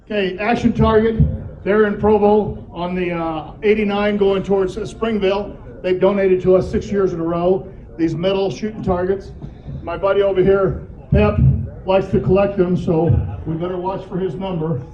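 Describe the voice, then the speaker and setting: A man's voice: high voice, little pitch movement, normal speed, highs cut off. A man hosting a live event, giving informal announcements in a plain-spoken, homespun way. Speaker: event host.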